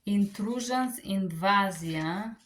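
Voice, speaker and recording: A woman with a Macedonian accent teaching vocabulary term by term in two languages, halting and repeating terms, speaking informally to her viewers. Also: mid-range voice. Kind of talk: bilingual vocabulary lesson, term by term.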